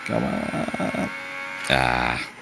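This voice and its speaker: A man with an extremely deep, gravelly voice talks through a racing game in casual commentary. He speaks slowly and thinks aloud, pausing often with small fillers. A faint hum of noise sits behind him. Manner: relaxed, thinking aloud with many "uh" pauses. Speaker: gaming channel host.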